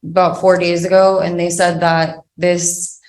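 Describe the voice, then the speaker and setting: A woman answering a judge as a defendant, hesitant and halting, somewhat defensive. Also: lowish voice, flat delivery, darkish tone. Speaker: defendant in court. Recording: echoey courtroom.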